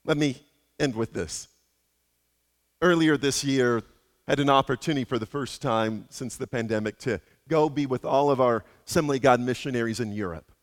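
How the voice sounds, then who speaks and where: A man's voice: mid-range voice, normal speed. A man preaching a sermon as a pastor, telling a story earnestly and often restarting and repeating his words. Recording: long reverb of a large hall.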